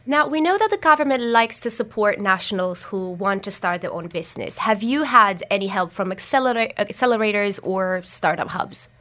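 A woman with a medium-pitched voice works as a radio co-host. She speaks in the style of a broadcast interviewer questioning a guest. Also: animated, moderate pace, hardly any pauses, a bit bright.

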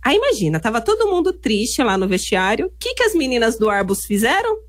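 Animated woman telling stories. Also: fairly high pitch, brisk, no echo. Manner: animated, laughs often while telling stories. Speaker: interview guest. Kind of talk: casual storytelling interview.

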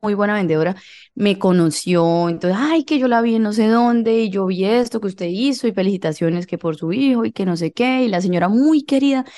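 A woman's voice: mid-range voice, fairly quick. Chatty woman telling a comic story. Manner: lively, quotes people in dialogue. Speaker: radio show host. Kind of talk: casual comedic storytelling.

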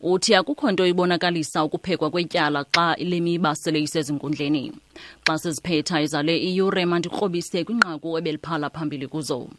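A woman's voice: sits low, fairly even intonation, fast talker, slight background noise. A woman reading a scripted radio news bulletin.

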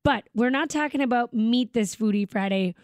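A woman hosts a radio talk show, bubbly and chatty. Her voice sits a little high and the studio sound is dry and close. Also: moderate pace, darkish tone, no echo. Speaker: radio host.

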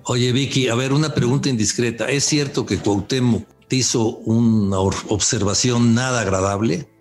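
A man's voice: medium pitch, normal speed, echoey room, faint music behind. A man hosting a casual interview, asking friendly, curious questions. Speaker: podcast host.

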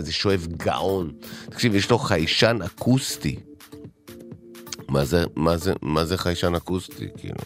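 A man playing an overexcited acquaintance who rambles and keeps saying "listen". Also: fairly low pitch. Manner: excited, keeps repeating "listen". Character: overexcited man raving about his vacuum.

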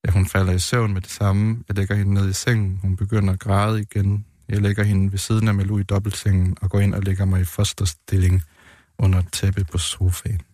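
A middle-aged man, a poet guest, talking hesitantly in an interview and then reading his poems aloud in a calm, measured way. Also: deep voice.

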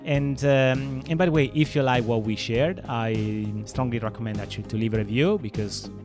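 A man's voice: medium pitch, moderate pace, music in the background. Man hosting a podcast. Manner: effusive, agreeable. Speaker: podcast host. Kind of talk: conversational interview hosting.

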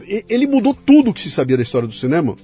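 A Brazilian man hosts a podcast conversation in a husky, slightly high voice. His pitch swings widely as he animates the stories he tells, with faint music underneath. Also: racing. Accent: Brazilian Portuguese. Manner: animated storyteller, acts out quotes. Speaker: podcast host. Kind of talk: conversational interview.

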